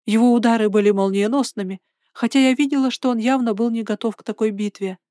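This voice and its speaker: A woman narrating a first-person fantasy story in a steady, dramatic reading. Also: a little high, quick pace, no room sound, studio quality.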